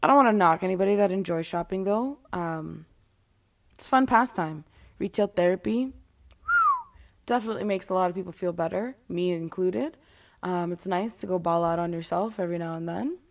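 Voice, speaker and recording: A woman's voice: fairly low pitch, brisk. A woman giving a casual, candid monologue in a blunt way, with casual swearing and sarcastic, exasperated asides. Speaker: retail worker giving advice to customers.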